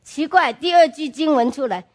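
Speaking at a normal speed in a high voice, a woman tells her personal testimony to a congregation. She's emphatic and sincere, often questioning the listeners directly and dropping English words into her speech.

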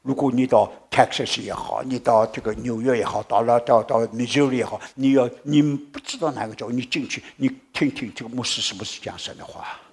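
A man preaching a sermon and telling a story to his congregation, jumping from loud exclamations to hushed whispers and mixing English words into his preaching. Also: medium pitch, fairly even intonation, a little fast, few pauses. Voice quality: very husky.

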